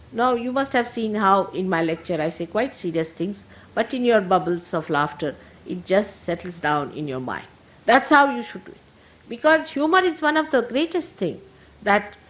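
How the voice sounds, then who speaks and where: A woman's voice: mid-range voice, rough recording. A woman giving an informal, humorous spiritual talk to her followers, with frequent conversational asides like "see?". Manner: warm humorous asides to the audience; conversational, often asks "see?". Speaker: spiritual teacher.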